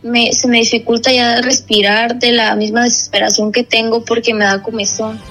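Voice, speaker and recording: A woman's voice: on the high side, flat delivery, normal speed, a bit bright, faint music behind. A woman calling in over the phone to a psychic show, polite and earnest, sounding desperate. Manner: polite and earnest, answers briefly then explains at length. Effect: heard over the phone. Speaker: caller to a psychic call-in show. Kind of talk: live call-in.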